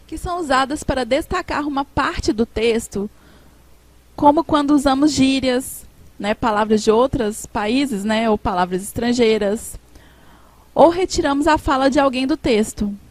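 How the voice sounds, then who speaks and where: A Brazilian woman teacher reading a lesson, acting out each example sentence and then naming the punctuation mark in a flat voice. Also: high voice, no room sound. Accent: Brazilian Portuguese. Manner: reads examples with acted intonation, then names the punctuation mark flatly.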